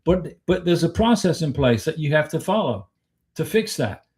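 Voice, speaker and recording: Very animated and a little mellow, this American livestream host from Florida speaks at a normal speed in a higher-pitched voice. He keeps things casual but blunt and emphatic, firing off rhetorical questions and opinions while reacting to chat.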